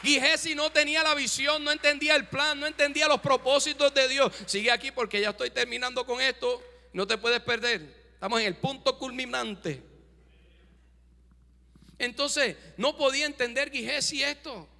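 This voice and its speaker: A man's voice: very high-pitched, moderate pace, bright, forceful tone. A man preaching a sermon emphatically, calling out to the congregation. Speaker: pastor. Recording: reverberant hall.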